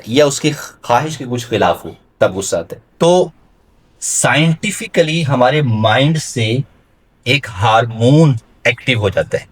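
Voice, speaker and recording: A male religious scholar giving a classroom lecture, putting questions to his listeners and mixing English terms into his explanations. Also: medium pitch. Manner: quizzes the audience with questions and mixes in English terms.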